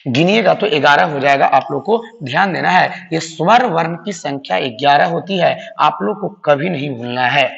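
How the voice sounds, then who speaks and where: A man's voice: fairly high pitch, animated, normal speed, vocal fry, few pauses, a bit bright. A man teaching a grammar lesson to students, repeating key points and often calling them children. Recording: roomy long-reverb room, dull lo-fi sound.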